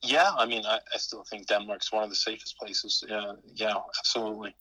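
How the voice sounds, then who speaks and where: A man in his fifties, a podcast guest, talking casually and hesitantly in an interview, with many pauses and restarts. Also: lowish voice, little pitch movement, pushed and bright, slightly rough, no room sound, poor audio.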